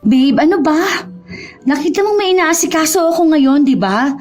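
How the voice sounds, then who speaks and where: A woman's voice: sits high, expressive, normal speed, darkish tone, soft background music. A woman voicing a busy young girlfriend who talks in an irritated, dismissive way in a dramatized story. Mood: annoyed.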